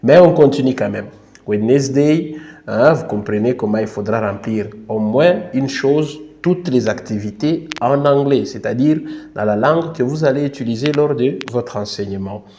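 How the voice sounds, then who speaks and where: A man's voice: medium pitch, normal speed, dark tone. A man with a Congolese French accent giving a patient, repetitive teaching tutorial, often tagging phrases with "n'est-ce pas" and apologising for his English. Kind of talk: instructional screen tutorial.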